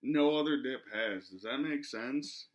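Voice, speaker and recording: A man's voice: medium pitch, unhurried, very noisy. A man in his twenties chatting casually through a product review, speech slightly muffled by a lip full of dip. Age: 20s. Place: small living room, indoors.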